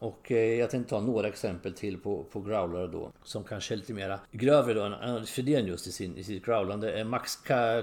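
A man's voice: fairly low pitch, a little mellow. A middle-aged man hosting a podcast, talking alone in a casual, rambling way with many fillers. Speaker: podcast host. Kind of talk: casual monologue.

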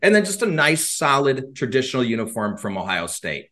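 A man's voice: mid-range voice, very animated, brisk, fairly bright tone. A man co-hosting a casual sports podcast, giving wry, opinionated takes. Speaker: co-host.

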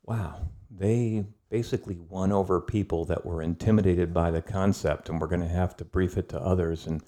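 A middle-aged man, a guest historian, telling history in a thoughtful, storytelling way with pauses and fillers. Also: low-pitched, fairly even intonation, warm tone. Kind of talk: conversational history lesson.

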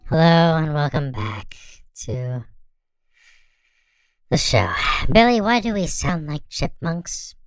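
A male radio host whose voice comes out as a squeaky chipmunk voice from a pitch-shifting mic. He scolds and bosses with exasperation, and his pitch bounces around a lot. The sound is dry and close. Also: animated, takes it slowly, long pauses, clear, resonant tone, dry recording, faint music behind. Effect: sped-up chipmunk voice from a pitch-shifting mic. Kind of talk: comedic radio sketch.

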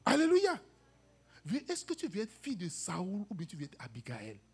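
Lively husky woman preacher. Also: mid-range voice, normal speed. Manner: animated, calls for "Amen" and "Alléluia", acts out quoted voices. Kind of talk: sermon.

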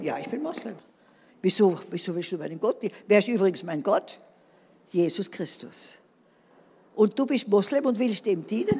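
A woman's voice: mid-range voice, a little mellow, slight background noise. A woman preacher delivering an emphatic sermon, often calling for an amen from the congregation. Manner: emphatic, calls for amens. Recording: long hall reverb.

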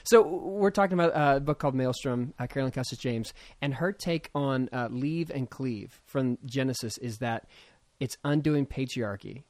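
An upbeat man hosting a podcast, chatting casually and teasing his friends with easy laughter. His voice sits at a middle pitch and sounds dry and close to the mic. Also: a little mellow, dry recording. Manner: upbeat, quick to laugh and tease. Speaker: podcast host. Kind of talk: casual chat.

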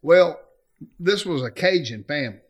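A man's voice: a little high, expressive, moderate pace. A middle-aged football coach starts a recruiting story in plain, folksy talk. He stumbles and restarts as he finds his way into it. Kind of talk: casual storytelling.

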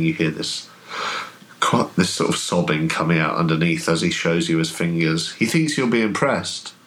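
Casting: deep-voiced male game master, narrating a horror game, laughs often. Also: a bit bright.

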